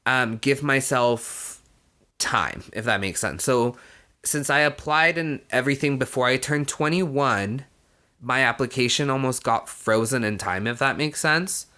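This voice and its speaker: A young vlogger born in Mexico talks through his own experiences to the camera in an easygoing, conversational way. His voice is mid-range and sharp in tone, delivered without hurry, with plenty of "you know" and a swear word now and then.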